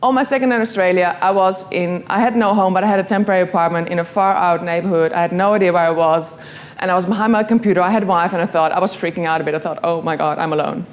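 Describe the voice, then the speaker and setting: Speaking rapid-fire in a lowish voice, this young woman from the Netherlands tells her story to an audience in an earnest motivational talk. Her Dutch accent is clear, and she often voices what she was thinking at the time.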